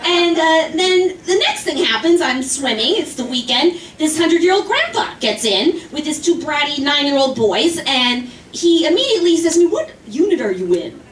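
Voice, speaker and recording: A high-pitched woman does a stand-up set, rambling through a story with growing exasperation. She is heard from across an echoey room, a little away from the mic, with faint background ambience. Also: animated, normal speed, hardly any pauses, recorded from a distance, slight background noise. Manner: chatty, rambling, exasperated storytelling with quoted voices. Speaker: stand-up comedian. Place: small club or class showcase stage.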